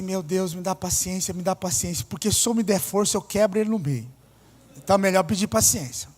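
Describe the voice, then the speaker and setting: Male pastor, very high voice, emphatic sermon with wry low asides, long church reverb. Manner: emphatic, shifting between loud declarations and low asides, humorous. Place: church hall.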